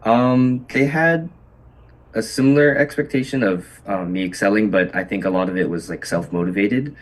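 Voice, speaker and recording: A man's voice: on the low side, moderate pace. A young man from Hawaii, a college student on a video call, talking hesitantly with many ums and likes. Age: young adult. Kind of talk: casual video-call chat.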